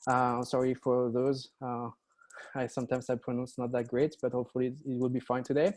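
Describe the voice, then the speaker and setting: A man with a French accent gives an online lecture at a middle pitch. He talks hesitantly and fills his sentences with "uh". He sounds middle-aged, speaking through a computer mic on a video call. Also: little pitch movement, brisk, darkish tone. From France. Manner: hesitant, many "uh" fillers. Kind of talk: webinar lecture.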